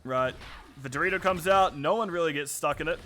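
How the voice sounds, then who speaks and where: A man calls a live esports match in a bright, forceful voice that sits a little high for a man. He is chatty and excitable, with quick laughs between calls, over a faint hiss behind him. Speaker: esports caster. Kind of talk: live play-by-play commentary.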